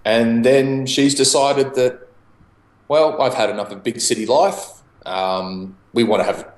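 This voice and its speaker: A young Australian man chatting casually over a video call, laid-back and quick to laugh, swearing now and then. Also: mid-range voice, fairly even intonation, roomy sound, poor audio. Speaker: guest homebrewer.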